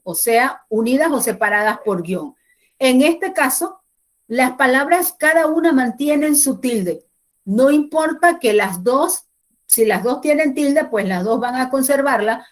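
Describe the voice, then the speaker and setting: A woman teaching a grammar lesson at an unhurried, deliberate pace. Her voice sits a little high, and she repeats each rule to drive it home. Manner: explains step by step, repeats key points. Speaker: Spanish teacher.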